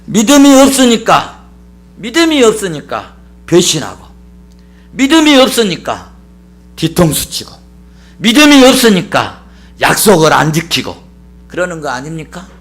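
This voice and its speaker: Animated high-pitched preaching pastor. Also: male voice, unhurried, pauses often. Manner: emphatic preaching with rhetorical questions and repetition. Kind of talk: sermon.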